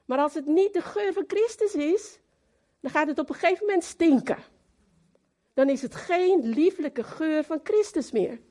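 A woman giving a lively, emphatic sermon who talks straight to the congregation and slips into English now and then. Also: sits high, moderate pace. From Moluccan community in the Netherlands. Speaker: preacher.

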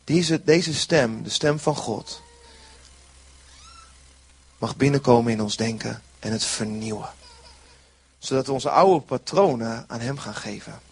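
Male preacher, mid-pitched and husky, earnest sermon delivery that leans on repeated phrases. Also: measured pace, long pauses.

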